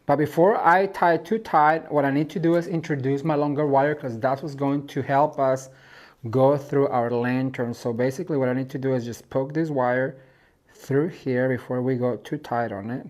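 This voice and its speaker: A man's voice: mid-range voice, fairly even intonation, normal speed. A man from Mexico hosting a home decor channel, talking viewers through a DIY craft tutorial in a chatty, gushing way and calling them "you guys".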